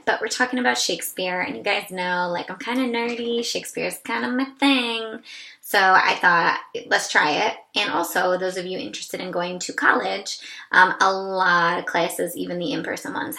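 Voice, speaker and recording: A woman's voice: mid-range voice, vocal fry, pushed and bright, echoey room, rough recording. A woman teacher giving a recorded lesson to her class in a chatty, informal way with many fillers.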